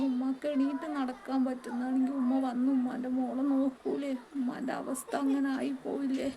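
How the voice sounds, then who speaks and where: A woman putting on a helpless bedridden old mother who speaks softly and calls on God. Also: sits high, background noise. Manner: soft, sorrowful, calls on God.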